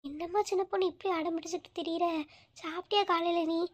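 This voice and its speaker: A woman voicing a kindly, motherly older neighbor who coaxes and gently scolds, speaking in an in a home-made comic skit. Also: extremely high pitch, fairly even intonation, fast. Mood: coaxing. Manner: coaxing, gently scolding, calls her "amma".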